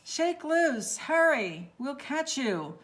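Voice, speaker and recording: A woman's voice: animated, unhurried, close to an everyday voice. A woman voicing a small, earnest young prairie dog, urgent and pleading, in a storybook read-aloud. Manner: urgent, pleading, higher-pitched.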